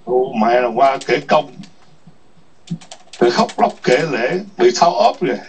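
A man's voice: medium pitch, lively intonation, measured pace, a little hiss or hum. A man ranting in an online chat room, scolding and cursing with repeated taunting questions. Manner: foul-mouthed, scolding, repetitive taunts. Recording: distant muffled lo-fi mic.

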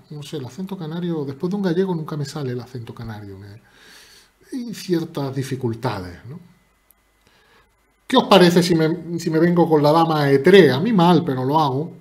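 A man commentating his own chess games live, with a slightly high voice that bounces up and down. He keeps it playful and chatty, teases his opponent and keeps turning to his viewers. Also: a little mellow.

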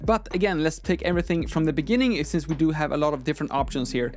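A young adult man whose first language isn't English hosts a software tutorial, explaining things step by step in a conversational, informal way. His voice is on the high side, and he sits at a desk in a small indoor room, speaking into a close microphone on an arm.

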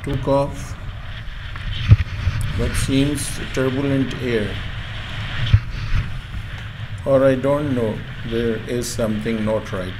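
A man narrates in a slow, unhurried, matter-of-fact way, with a mid-pitched voice. Loud rushing wind noise sits under his voice-over. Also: steady tone. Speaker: compilation narrator. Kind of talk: voice-over commentary.

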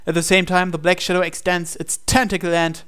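A man reads a visual novel aloud as a let's player, narrating its on-screen text dramatically over music. His voice sits high and is a bit bright, clear and resonant, with a level tone and a brisk pace.

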